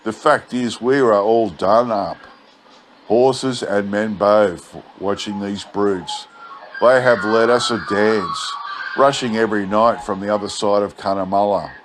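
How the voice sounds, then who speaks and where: A man's voice: fairly low pitch, natural voice. Man voicing a crafty drover, outback drawl. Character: crafty male cattle drover feigning humble sincerity. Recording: clear background noise.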